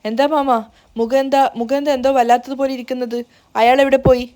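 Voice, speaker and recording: Woman voicing a sharp, sarcastic young woman, high-pitched. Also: level tone, fast, close to an everyday voice. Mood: indignant. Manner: indignant, sarcastic. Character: angry young woman, sharp-tongued niece.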